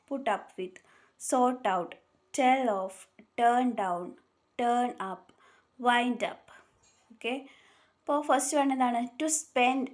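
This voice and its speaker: Slow-talking woman teacher. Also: a little high. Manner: reads English rules slowly, then asks and answers her own questions. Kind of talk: English grammar lesson explained in Malayalam.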